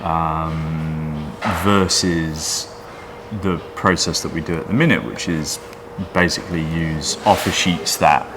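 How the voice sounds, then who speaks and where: In a slow bass voice, a Welsh-born coffee roaster and business owner chats casually in an interview. His humor is dry and wry, he frequently stops and restarts, and the recording carries noisy room ambience.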